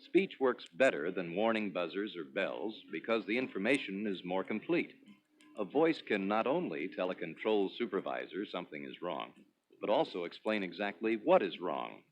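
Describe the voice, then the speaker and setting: A man presenting a product demonstration in a scripted, instructional promotional narration with clearly structured delivery. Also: low voice, very animated, normal speed, faint music behind. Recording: dull lo-fi 1980s demo recording.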